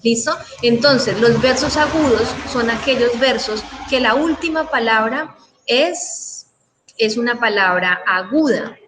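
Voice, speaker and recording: A woman's voice: on the high side, unhurried, background noise. A Colombian woman teacher, middle-aged, patiently explaining verse to students in an online class and checking that they follow. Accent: Colombian Spanish. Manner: patient, checks understanding with frequent questions.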